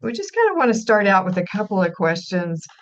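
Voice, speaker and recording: A woman moderating a panel on a video call, welcoming the guests warmly. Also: mid-range voice, sing-song, a little fast, muffled recording. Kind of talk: hosting a panel chat.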